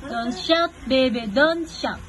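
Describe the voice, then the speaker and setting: A woman, coaxing a baby in soft baby talk that mixes English with her own language. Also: high voice, slow pace, crowd noise, rough recording. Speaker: caregiver talking to a baby.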